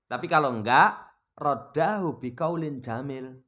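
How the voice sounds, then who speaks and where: A man preaching a sermon, swinging between loud exhortation and low, quiet asides, and reciting Arabic passages. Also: lively intonation, measured pace. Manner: mixes Indonesian, Javanese and Arabic recitation.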